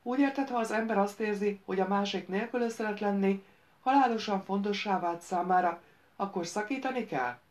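A woman's voice: mid-range voice, voice pushed up, close to an everyday voice. A woman reading an audiobook, voicing a grown man who speaks in an earnest, searching way.

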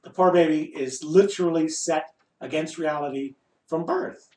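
A man giving an informal spiritual discourse to a group, wry and emphatic, pausing deliberately between short phrases and putting rhetorical questions. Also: fairly high pitch, mellow. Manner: wry and playful, asks and answers rhetorical questions. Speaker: spiritual teacher leading a group satsang. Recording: echoey room, voice distant from mic.

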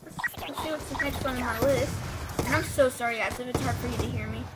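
A woman's voice: fairly high pitch, quick pace, over loud music. A woman giving casual, rambling gameplay commentary, her speech slurred by the braces she is wearing. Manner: rambling, hesitant. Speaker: gaming video creator.

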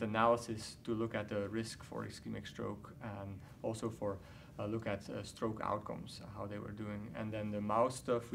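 A man in his thirties from Belgium, a researcher explaining his work in a measured way with many fillers, at a conference interview. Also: fairly low pitch, a little hiss or hum. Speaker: award-winning researcher, interviewee. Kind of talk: scientific interview. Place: conference interview booth, indoors.

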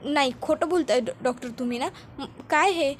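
A woman's voice: high-pitched, normal speed, slight background noise, close to an everyday voice. A woman voicing a grief-stricken man, a widowed new father, pleading with frantic repetition. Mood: grieving, pleading.

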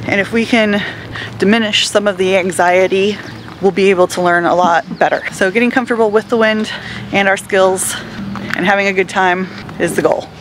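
A woman's voice: mid-range voice, steady tone, moderate pace, background noise. A woman in her thirties, talking candidly to a handheld camera while out sailing on a small boat. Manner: chatty, candid about nerves. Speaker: vlogger learning to sail. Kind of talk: casual vlog narration. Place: small sailboat out on open water. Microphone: phone camera at arm's length.

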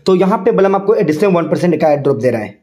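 Man, high voice with a dark, relaxed tone; casual walkthrough host, insistent and repetitive. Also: fast. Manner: chatty, repeats filler phrases, mixes in English words; insistent, direct address to viewers. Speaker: crypto YouTuber. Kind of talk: casual screen-walkthrough explainer.

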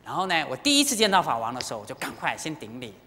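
Lively, bright-voiced sermon in a reverberant hall. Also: mid-range voice, rapid-fire. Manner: animated, emotional storytelling with direct appeals. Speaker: Buddhist dharma teacher. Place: temple lecture hall.

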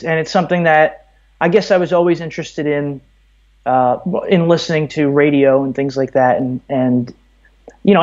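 A man in his thirties from Brooklyn, USA, who works as an audio producer, chats at length as a guest in a laid-back podcast interview, explaining as he goes. His voice runs on the high side and is a little mellow, and the audio is slightly muffled and dull.

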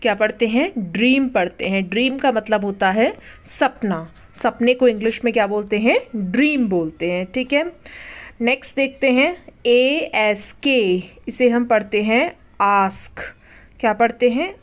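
A woman's voice: on the high side, a little slow. A woman with an Indian accent teaching English words, spelling each one, asking what it is read as and answering herself. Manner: spells each word letter by letter, then asks and answers it. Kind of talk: slow vocabulary lesson.

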